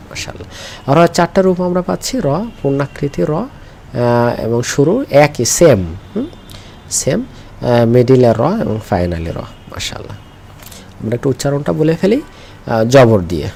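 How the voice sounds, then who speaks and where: A man's voice: fairly high pitch, gravelly, a little mellow, slight background noise. A man teaching Quran reading and Arabic letters, drilling pronunciation with call-and-response and patient repetition. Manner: patient, repeats each letter and asks learners to echo.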